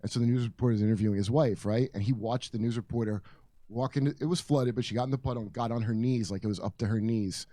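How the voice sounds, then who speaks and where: A man's voice: mid-range voice, steady tone, quick pace, warm tone, no room sound. A man on a comedy panel chatting casually, jokey and anecdotal, stumbling over his phrasing.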